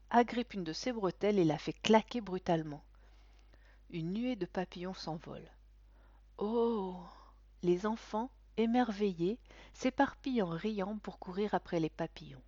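A woman narrating a storybook with an expressive, animated reading. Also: on the low side, no echo. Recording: dull, dry recording.

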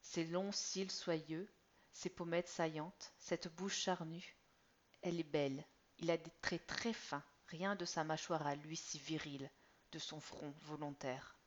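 Woman calmly reading a story. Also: sits low. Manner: measured, expressive, sometimes drops to near whisper. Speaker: narrator. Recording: slightly dull lo-fi recording.

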